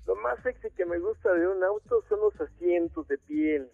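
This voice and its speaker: A man's voice: high voice, normal speed, gravelly, dry recording. A man with a Mexican accent calling in to a radio show over the phone, joking and chummy in a casual chat. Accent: Mexican Spanish. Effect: phone line call-in. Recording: tinny dry phone line, faint music.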